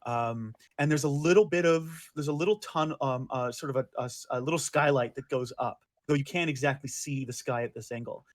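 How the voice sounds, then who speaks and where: Dude game-mastering a tabletop game, um-ing and uh-ing through scene descriptions. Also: male voice, medium pitch, a little fast, few pauses. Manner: rambling, many fillers.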